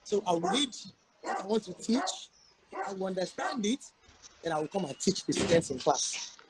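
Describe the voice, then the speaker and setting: A woman's voice: mid-range voice, very animated, moderate pace, a loud crowd, poor audio. A woman with a Nigerian accent speaking earnestly on a video call, her audio fading faint and dropping out. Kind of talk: storytelling talk to an online class.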